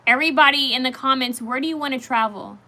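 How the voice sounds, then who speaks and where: She talks fast in a high-sitting voice with a sharp edge. The woman, in her thirties, chats loosely on a livestream, reading comments aloud and drawing oracle cards, while repeatedly restarting what she says.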